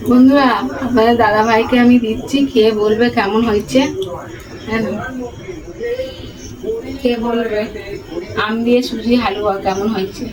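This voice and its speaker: A woman giving a home cooking demonstration, talking slowly and softly because she is unwell, in her kitchen. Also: a little high, steady tone, crowd noise, low-quality recording.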